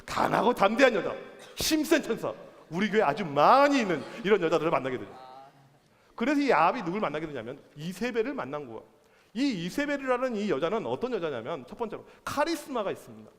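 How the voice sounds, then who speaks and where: A man preaching to a youth group in a church hall, playful and animated, acting out the people he talks about. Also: sits high, fast talker. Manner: animated, playful, acts out characters. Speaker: youth pastor. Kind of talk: sermon. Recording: long reverb of a hall.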